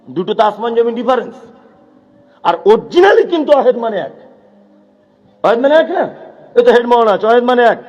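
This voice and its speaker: Give me a male preacher at a madrasa, quizzing listeners and answering himself in a high voice. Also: lo-fi sound. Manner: questions the audience and answers, rising to emphatic peaks. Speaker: Islamic preacher. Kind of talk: sermon. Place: madrasa gathering.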